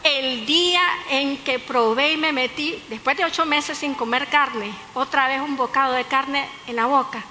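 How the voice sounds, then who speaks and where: Woman pastor preaching, high bright voice, lively storyteller, echoey church hall with faint noise. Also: moderate pace, few pauses. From Nicaragua. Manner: lively storytelling with humor and asides to the congregation. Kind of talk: sermon.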